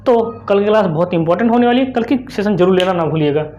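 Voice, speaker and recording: A young woman with an Indian accent teaches an online exam-prep lesson in a medium-pitched voice at a fast pace. She fires short questions at the class and answers them herself, returning to key terms with steady stress. The audio has its highs cut off.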